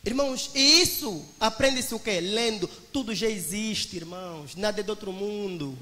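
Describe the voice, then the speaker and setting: This emphatic church testimony comes from a young Angolan Portuguese-accented man in his twenties who preaches to his "brothers" with motivational fervor. He speaks at a moderate pace in a high, pushed, bright voice that fills a large hall.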